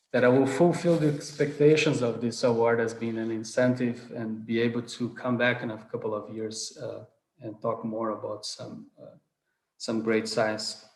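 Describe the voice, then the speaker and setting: A man in his thirties from southern Brazil, whose first language is Portuguese, delivers an earnest online award lecture in a medium-pitched, darkish voice. As a non-native speaker he hesitates and restarts often, and the webcam on his video call gives the audio a roomy sound.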